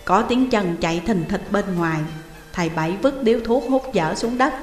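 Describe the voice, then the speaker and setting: A woman's voice: mid-range voice, animated, moderate pace. A woman, narrating a story steadily and dramatically. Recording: roomy reverberant room, faint music.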